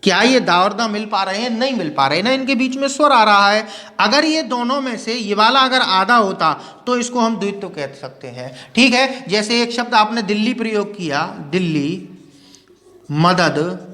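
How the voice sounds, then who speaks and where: A man teaching Hindi grammar in a classroom lecture. He asks questions and answers them himself, and repeats words slowly to show their pronunciation. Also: high-pitched, animated, pushed and bright, in a large hall.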